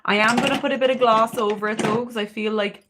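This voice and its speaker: In a casual makeup livestream, a young Cork woman chats candidly and swears freely in her Irish accent. Her voice is on the high side with a steady tone, she talks fast, and background noise can be heard.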